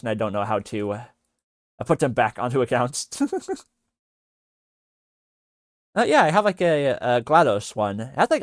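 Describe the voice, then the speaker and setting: While working on 3D art during a livestream, a male streamer chats casually, speaking haltingly with lots of fillers and unfinished sentences. His medium-pitched voice is recorded at studio quality with no echo.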